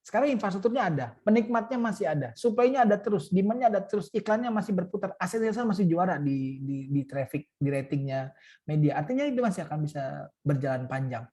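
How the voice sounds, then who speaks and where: A man's voice: sits high, lively intonation, quick pace, warm tone. A man speaking as guest in a webinar, casual and joking, with many fillers, over a video call. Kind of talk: webinar talk.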